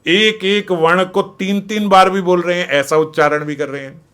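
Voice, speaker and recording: A man giving a devotional scripture discourse, animated, acting out the dialogue and often laughing. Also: high-pitched, normal speed, clear, resonant tone. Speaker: devotional storyteller.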